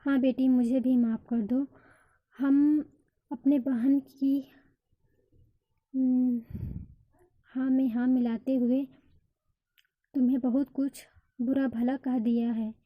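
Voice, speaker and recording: A woman's voice: sits high, flat delivery, takes it slowly, pauses often, narrow, tinny audio. A woman voicing a stern middle-aged mother who talks reproachfully. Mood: apologetic.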